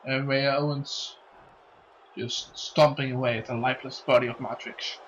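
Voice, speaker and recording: A man's voice: medium pitch, steady tone, normal speed, highs cut off, slight background noise. A man working as a wrestling commentator, making dramatic calls and drawing out key phrases.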